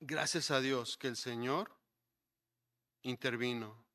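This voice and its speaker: A male pastor preaching a sermon, building to emphatic points and dropping to soft, low asides. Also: slow pace. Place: church sanctuary.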